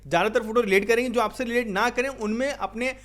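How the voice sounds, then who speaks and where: A man's voice: very high-pitched, fairly even intonation, quick pace, a bit bright. A man from India coaching viewers for an exam, talking through slides in Hindi mixed with English. He explains step by step and ends many lines with "theek hai".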